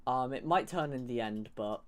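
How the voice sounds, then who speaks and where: A man's voice: medium pitch, normal speed. A man giving casual, rambling commentary on a strategy game he is playing, often restarting phrases and mocking his opponents sarcastically. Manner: rambling, sarcastic, self-correcting. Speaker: gaming YouTuber.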